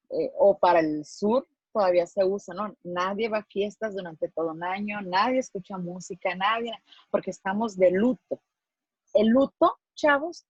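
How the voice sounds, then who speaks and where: A woman's voice: medium pitch, darkish tone, slightly rough, no room sound, dull audio. A middle-aged woman from Mexico, a psychologist, giving an earnest, explanatory lecture to students and acting out the phrases she quotes.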